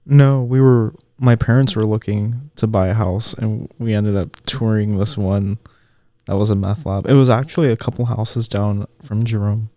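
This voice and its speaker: A man's voice: on the low side, fairly even intonation, normal speed, mellow, no echo. A young man co-hosting a podcast in casual chat, laid-back and hesitant, often repeating himself. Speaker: podcast co-host.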